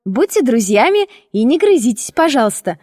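A woman's voice: on the high side, very animated, normal speed, no room sound, studio quality. A woman voicing a cheerful, affectionate young woman in an audiobook. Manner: bright, merry and affectionate. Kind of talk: audiobook character reading.

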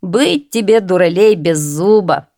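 A woman voicing haughty, mocking noble gentlemen in a storybook reading. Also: on the low side, animated, unhurried. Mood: gloating. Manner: scornful, jeering, loud.

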